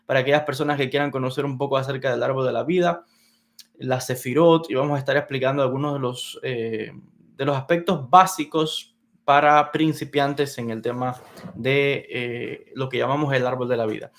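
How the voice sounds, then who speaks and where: At a whiteboard, a man gives an introductory Kabbalah lecture, unhurried and methodical, repeating key words as he explains them. His voice sits mid-range with fairly even intonation.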